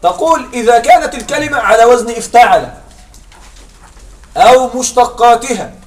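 A man's voice: very high voice, lively intonation, normal speed. A man teaching a classroom lesson on Arabic morphology. He keeps checking that his students follow and asks questions, then answers them himself.

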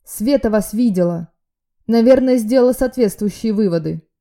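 A woman voicing a blunt male friend and security man who shouts and barks his lines. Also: mid-range voice, brisk, pitched above the performer's own voice, natural voice. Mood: agitated. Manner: shouting, barking.

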